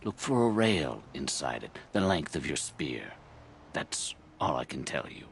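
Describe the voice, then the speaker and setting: A very deep, gravelly mystic. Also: male voice, very animated, exaggerated voice. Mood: cryptic, secretive. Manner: cryptic, halting, portentous. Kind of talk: video game character dialogue.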